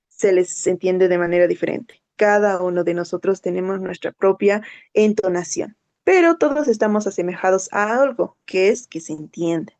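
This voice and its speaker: A woman English teacher in an online class, modeling words slowly and explaining pronunciation. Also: mid-range voice, darkish tone. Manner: slow, drawn-out model words, switching to quick explanations.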